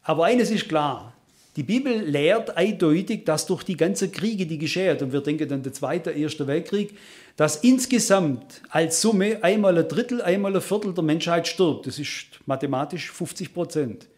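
Man, preacher, high voice, earnest, emphatic, addresses congregation directly. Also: animated, normal speed, a little mellow. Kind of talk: sermon to a congregation.

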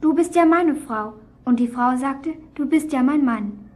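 Eager girl, high voice, children's radio play. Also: measured pace, a little mellow. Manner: eager, interrupting. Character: eager young girl chiming in.

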